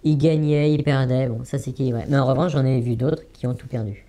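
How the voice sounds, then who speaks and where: A man's voice: mid-range voice, fairly even intonation, fast talker, mellow. A man in his forties giving an anonymous interview testimony, hesitant with many fillers and repeating words for emphasis. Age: 40s. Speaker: anonymous former trading student giving testimony.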